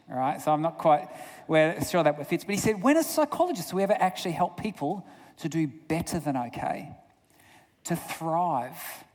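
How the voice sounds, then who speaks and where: Lively man speaking in an echoey church. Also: a little high. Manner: lively, chatty, engages the audience. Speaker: guest speaker. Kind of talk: church talk with stories.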